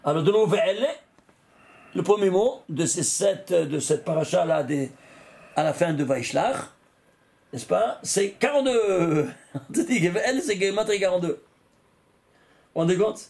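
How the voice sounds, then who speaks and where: Rabbi guy teaching torah, highish gravelly voice, keeps asking the room questions, yells sometimes. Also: measured pace, pauses often. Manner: animated, questioning the audience, bursts of shouting. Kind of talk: Torah lesson.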